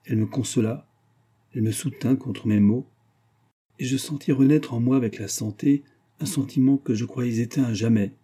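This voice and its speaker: A man voicing a ruined, desperate old gambler who pleads and then confesses gravely, in an audiobook reading. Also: mid-range voice, normal speed, mellow, close to an everyday voice.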